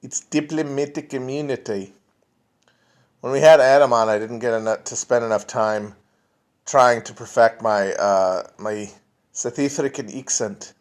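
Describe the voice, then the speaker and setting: A podcast host sits alone at home in front of a phone or computer, answering chat in a casual livestream. He's unhurried and mid-range in pitch. He rambles, swears, keeps restarting his sentences and lets asides trail off.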